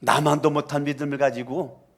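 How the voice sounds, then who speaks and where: A man's voice: a little high, flat delivery, a little fast, fairly bright tone. A man voicing a jeering spirit who taunts a believer in a sneering way during a sermon.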